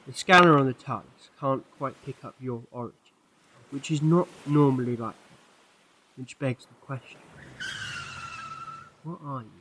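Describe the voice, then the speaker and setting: A man acting an eccentric, excitable alien time traveller in a fan audio drama, theatrical, exclamatory and wordy. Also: mid-range voice, measured pace, long pauses, background noise, natural voice. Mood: curious.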